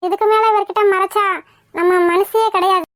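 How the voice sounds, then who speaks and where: A woman's voice: very high-pitched, fairly even intonation, moderate pace, fairly bright tone. A woman voicing an anxious young woman in a cartoon, fretting and reassuring. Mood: worried. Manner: fretful, anxious. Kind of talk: Tamil cartoon voice acting.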